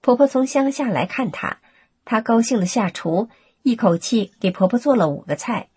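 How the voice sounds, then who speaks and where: A woman tells a personal story in an earnest, steady narration. Her voice is very breathy and husky, and her pitch rises and falls in a lively way. The sound is close and dry, with no room around it. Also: moderate pace, no echo. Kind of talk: scripted first-person testimony reading.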